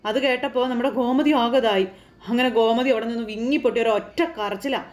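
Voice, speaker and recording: A woman's voice: a little high, fairly even intonation, quick pace, darkish tone. A woman retelling a TV serial episode in a chatty, casual storytelling way, addressing her listeners directly. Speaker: TV serial recap narrator.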